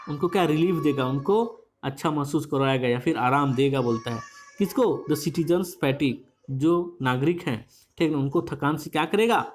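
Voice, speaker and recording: A teacher, reading newspaper lines slowly and explaining each phrase at length, with many repeats. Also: medium pitch, slight background noise. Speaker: English teacher. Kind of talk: bilingual newspaper reading lesson.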